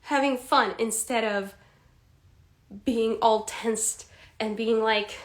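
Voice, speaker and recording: Her slightly high voice rings in an echoey room as this young Polish woman runs a live-stream English lesson. A native Polish speaker, she is chatty, quick to laugh and addresses viewers head-on.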